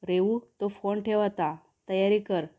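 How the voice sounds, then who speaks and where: A woman's voice: mid-range voice, steady tone, a little slow, natural voice. A fretful middle-aged mother who nags and teases her family, read out by a woman storyteller. The sound is thin and boxy, like a phone line. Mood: grumbling. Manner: nagging, teasing.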